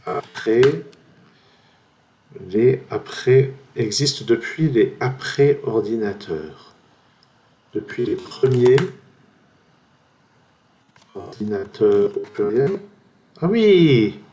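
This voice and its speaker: Slow-musing French man guessing words. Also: mid-range voice, dark tone, slight background noise. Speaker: gamer playing a word-guessing game. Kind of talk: thinking aloud while playing. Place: at home by his computer.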